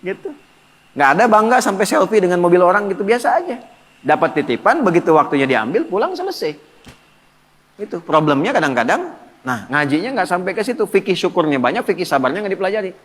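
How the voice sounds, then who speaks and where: Lively preacher in a reverberant hall. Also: male voice, high voice. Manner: lively, asks the audience questions and answers them. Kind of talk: religious lecture.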